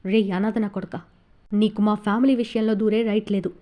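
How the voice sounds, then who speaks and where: A woman's voice: medium pitch, level tone, brisk, warm tone, lightly acted. A woman reading Vasu, a sneering cruel husband. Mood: contemptuous. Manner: taunting, contemptuous. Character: cruel sneering middle-aged man, abusive husband.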